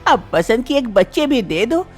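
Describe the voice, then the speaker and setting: A shrill, sharp-tongued mother-in-law, as a woman puts her on for an animated drama. She nags and scolds with sarcasm. Her voice leaps up high and swings widely. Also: moderate pace, faint music behind. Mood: scolding.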